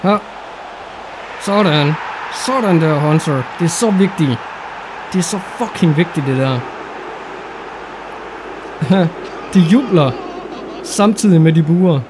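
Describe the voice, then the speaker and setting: A young Danish man commenting on his own football game playthrough, excitable and casual, shouting at big moments. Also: on the high side, long pauses, noisy background. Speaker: gaming YouTuber. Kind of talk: excited let's-play commentary.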